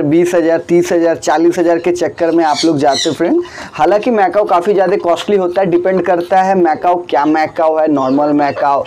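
Chatty young man with high voice. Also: a little mellow, slight background noise. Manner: chatty, repeatedly addresses viewers as friend. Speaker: bird farm owner. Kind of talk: casual how-to vlog. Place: small room with blue walls, indoors.

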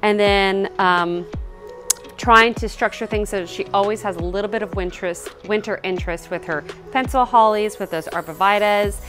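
A woman's voice: mid-range voice, normal speed, a bit bright, faint music behind. A woman, giving a casual, upbeat garden tour outdoors and explaining as she walks, recorded on a handheld camera. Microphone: handheld camera, selfie framing.

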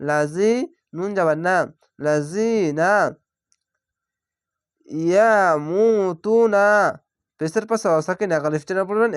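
A man teaching Quran reading, spelling out each syllable slowly and drawing out the sounds. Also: high-pitched, no room sound, clean studio sound. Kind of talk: syllable-by-syllable recitation lesson.

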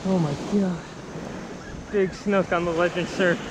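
With an unhurried, high-sitting voice, a young male fishing vlogger in his twenties gives excited commentary on his ocean beach outing, shouting when fish bite. He records on an action camera, head-mounted at first and then handheld, while surf and wind roar behind him.

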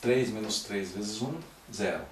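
At a measured pace and in a lowish voice, a man walks his students through a math lesson step by step, checking in with them often. The classroom-style lecture recording has slight background noise, echo, and a distant mic.

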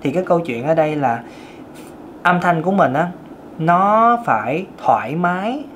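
A man's voice: on the high side, animated, moderate pace, a bit bright, a little hiss or hum. A man with a thin, light tenor voice, chatting casually through a singing lesson, joking about himself and singing scales. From Vietnam. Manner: chatty, self-joking, sings scales in demonstration. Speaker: singing teacher.

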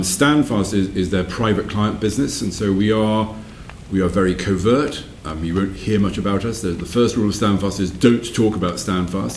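Interviewed indoors beside a fireplace in a wood-panelled room, a whisky company managing director of about sixty from south-west England reflects on his past. He pauses hesitantly and repeats phrases for emphasis in a low-pitched voice. The room is echoey, with a faint hiss or hum.

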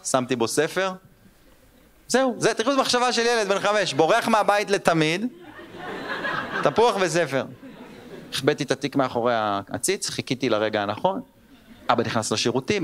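A man in his thirties doing stand-up on stage, telling childhood stories and slipping into squeaky and gruff voices for the people in them. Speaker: stand-up comedian. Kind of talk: stand-up storytelling. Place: theater stage with live audience. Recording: live show with loud crowd laughter.

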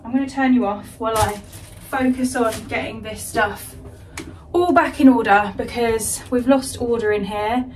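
A woman's voice: on the high side, steady tone, moderate pace, a little hiss or hum, low-quality recording. A woman chatting casually to her phone camera while sorting her bedroom, rambling and self-deprecating. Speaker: home vlogger. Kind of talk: casual vlog chat to camera. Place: bedroom at home, indoors.

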